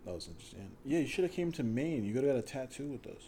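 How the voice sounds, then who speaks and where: A man's voice: mid-range voice, sing-song, rapid-fire, mellow, slight background noise. A young American man chatting casually with friends. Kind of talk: casual chat.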